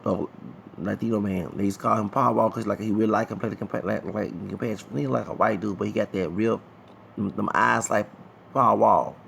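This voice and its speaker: This Texas man in his thirties chats to his viewers in a meandering vlog, repeating himself as he goes. His voice is lowish and creaky, with a little hiss or hum in the recording.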